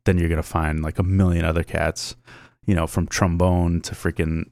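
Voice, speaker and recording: A man's voice: deep voice, flat delivery, moderate pace, creaky, darkish tone, no echo. A man co-hosting a podcast in laid-back, slangy casual chat, laughing often. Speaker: podcast co-host.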